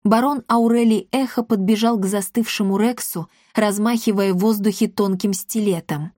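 A woman narrating a fantasy story as an audiobook reader, reading expressively and shifting her voice for the characters' shouts. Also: mid-range voice, moderate pace, dry recording, studio quality.

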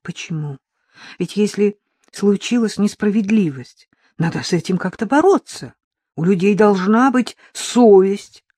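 A woman's voice: mid-range voice, animated, a little slow, darkish tone, husky, no room sound, studio quality, pitched above the performer's own voice. A woman voicing an earnest, persistent young woman journalist in an audiobook.

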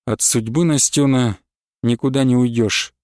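A man reading aloud and voicing a sullen young deserter who speaks low and curtly. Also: steady tone, measured pace, a little mellow, no echo, clean studio sound, close to an everyday voice. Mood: grim. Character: gruff, sullen young male deserter in hiding. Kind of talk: audiobook character reading.

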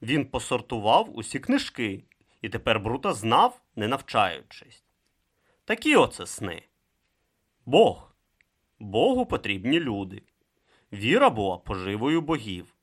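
An audiobook narrator reading with dramatic, expressive delivery. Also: medium pitch, a little slow, pauses often, breathy edge.

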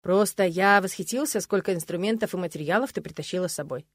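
A woman's voice: lowish voice, quick pace, no room sound, lightly acted. A woman voicing a laconic young necromancer. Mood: calm. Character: laconic young male necromancer, calm and reserved.

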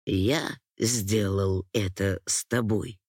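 An anguished young man in an audiobook speaks low and slow, his voice strained and shaking, as a woman puts him on. The reading sounds dry and close, with no room around it. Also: steady tone, a little mellow, slightly rough, no room sound, exaggerated voice. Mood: shaken. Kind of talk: audiobook character voice.

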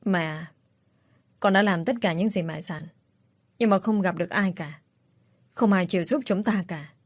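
An anxious young daughter pleads with her mother in a tearful way, voiced by a woman narrator. The reading is close and dry. Her voice sits a little low. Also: measured pace, no echo. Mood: pleading.

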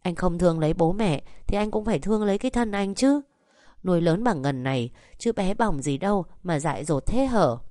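A woman's voice: fairly low pitch, lively intonation, normal speed, mellow, no room sound, studio quality, natural voice. A woman voicing a distraught middle-aged mother who sobs and begs her son to come home. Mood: tearful pleading. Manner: sobbing, pleading.

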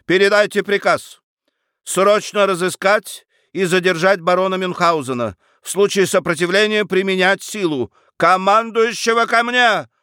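A man playing a shouting pompous duke. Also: on the high side, takes it slowly, few pauses, no room sound, clean studio sound, pitched above the performer's own voice. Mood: shouting, indignant. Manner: shouting, indignant, bossy commands. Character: pompous excitable old duke, a ruler.

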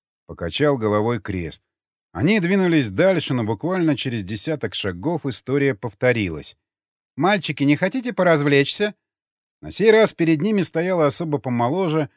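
A man narrating an audiobook in an expressive reading. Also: mid-range voice, no room sound, clean studio sound. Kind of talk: scripted narration.

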